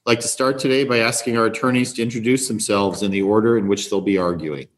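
A man's voice: fairly low pitch, steady tone, fast talker. A man presiding as a judge, giving polite, plain-spoken procedural instructions. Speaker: chief justice presiding.

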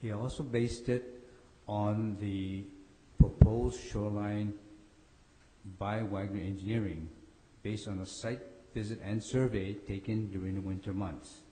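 A man with a hoarse, cold-affected voice giving a formal oral argument as an attorney in court. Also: fairly low pitch, fairly even intonation, unhurried. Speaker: attorney arguing for respondents. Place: large echoey courtroom. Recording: echoey hall, faint background noise.

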